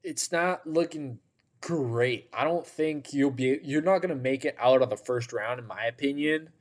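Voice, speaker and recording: A tired man hosting a podcast, giving opinionated casual sports commentary with a drawn-out delivery. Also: mid-range voice. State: tired, yawning. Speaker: podcast host.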